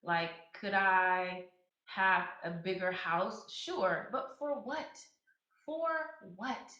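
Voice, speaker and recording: With drawn-out words and a pushed, bright mid-range voice, this podcast host in her 30s speaks casually, using fillers and restarting sentences. When she offers advice, she turns emphatic. The sound is echoey and a bit dull.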